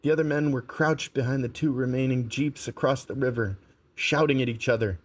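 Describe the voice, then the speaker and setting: Calm man narrating an audiobook. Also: mid-range voice, a little fast. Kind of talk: scripted narration.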